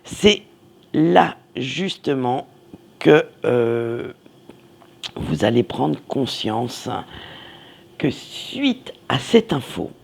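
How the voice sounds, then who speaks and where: Guy doing a weekly tarot reading, super gravelly husky voice, talks real slow n rambly. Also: medium pitch, sing-song. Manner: slow, meandering, reassuring with many fillers. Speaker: tarot card reader.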